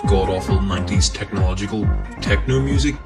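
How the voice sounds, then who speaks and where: A man's voice: lowish voice, fairly quick, vocal fry, over loud music, poor audio. A man doing a snooty, pompous caller in a comedy sketch. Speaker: comedian playing a posh prank caller.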